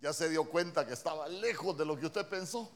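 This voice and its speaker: A man's voice: on the high side, fairly quick. A male preacher with a Honduran accent, giving a conversational sermon and often asking his congregation questions. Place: church.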